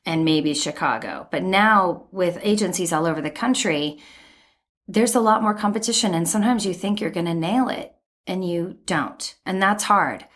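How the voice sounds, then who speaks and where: A middle-aged woman and voice actor chatting casually, with a sweet, smooth voice and crisp enunciation. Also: on the low side, lively intonation, moderate pace, fairly bright tone. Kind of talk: casual chat.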